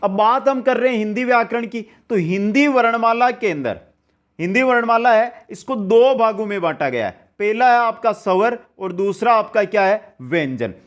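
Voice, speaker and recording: A man's voice: sits high, expressive, dull audio. A man teaching an online grammar class, explaining step by step and answering his own questions as he goes. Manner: drags out sounds and counts slowly.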